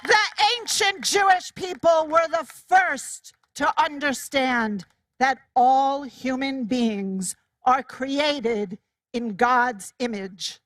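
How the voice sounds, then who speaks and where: A woman's voice: sits high, takes it slowly, a bit bright. A woman giving a rousing speech at a rally and leading the crowd in chants. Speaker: rally speaker. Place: outdoor rally.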